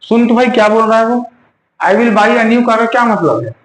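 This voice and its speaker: Against a noisy background, a male teacher with an extremely high pitch speaks at a moderate pace. He's teaching grammar and quizzes his students repeatedly, with the classroom's roomy echo audible.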